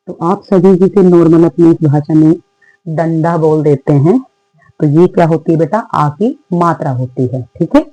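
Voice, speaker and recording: Patient woman teacher, mellow dry voice. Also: low voice, no room sound, low-quality recording. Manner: patient, calls pupils "beta", asks and answers her own questions; often says "theek hai" between points. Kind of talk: online Hindi lesson for young children.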